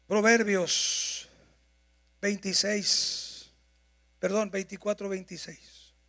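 Pastor, man, sermon, very high voice, slow, gravelly, shouts at times. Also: fairly even intonation. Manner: preaching, shouting at times, drawn-out emphasis.

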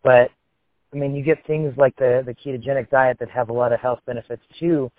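A man's voice: mid-range voice, a little fast. Blunt, swearing man on a tinny line. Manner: blunt, swears freely, animated. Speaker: podcast host. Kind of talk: casual chat. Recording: tinny phone-like line, dry.

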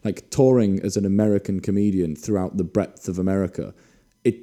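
A man's voice: low-pitched, fairly even intonation, brisk, warm tone. A man chatting on a podcast, rambling and repeating words, swearing casually. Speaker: podcast co-host. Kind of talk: casual chat.

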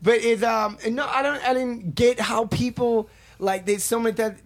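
A man talking in a casual chat, relaxed, and swearing freely as he vents. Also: extremely high pitch, moderate pace.

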